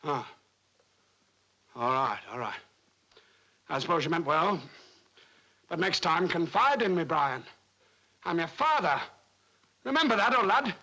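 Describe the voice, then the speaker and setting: A man's voice: a little high, big pitch swings, measured pace, long pauses, pushed and bright, full character voice, rough recording. A man playing a domineering, suspicious middle-aged father with an imperious, interrogating manner in a 1950s film drama. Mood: grudging, condescending. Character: domineering, suspicious, forceful British father and boss. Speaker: actor.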